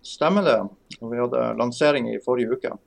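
Creaky-voiced Northern Norwegian man. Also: medium pitch. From Northern Norway. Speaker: podcast guest, game developer. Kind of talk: casual interview talk.

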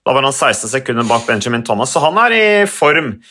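Casting note: man, podcast host, hesitant chatty delivery, bright forceful voice. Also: medium pitch, big pitch swings. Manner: hesitant, many fillers and restarts, reads from notes. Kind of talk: casual cycling podcast chat.

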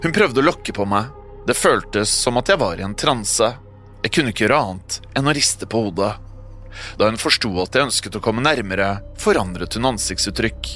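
Expressive man narrating a horror story. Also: lowish voice. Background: soft music.

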